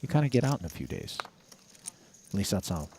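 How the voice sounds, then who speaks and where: Mellow, dry-witted male poker commentator. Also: fairly low pitch, big pitch swings, brisk. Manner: dry, wry humour. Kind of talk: live poker commentary with bantering asides. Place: commentary booth. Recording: faint background noise and clicks.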